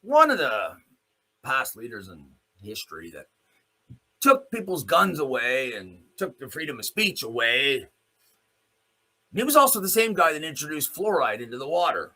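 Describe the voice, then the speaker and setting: On a rough recording, a Canadian commentary host with a bright, forceful mid-range voice rants at a moderate pace with big pitch swings. The spontaneous, opinionated delivery is blunt, sardonic, and profane, loaded with pointed rhetorical questions.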